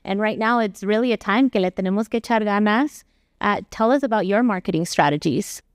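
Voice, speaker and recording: A woman's voice: medium pitch, brisk, clear, resonant tone, dry recording, studio quality. A woman moderating a panel in an upbeat, encouraging way, dropping in Spanish phrases.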